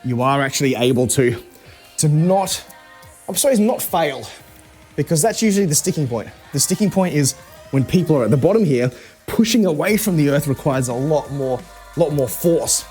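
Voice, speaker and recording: Guy doing casual live workout coaching, bit high voice, talks you thru the moves, faint music behind. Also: expressive, moderate pace, a little mellow. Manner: conversational coaching, cueing exercise moves step by step. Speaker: fitness coach.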